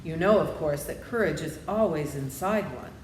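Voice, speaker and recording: A woman's voice: deep voice, lively intonation, moderate pace, darkish tone. Woman reading as cheery little Wizard of Oz, echoey room. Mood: breezy, reassuring. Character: kindly little old humbug wizard, cheerful, self-satisfied man. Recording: roomy echo, clear background noise.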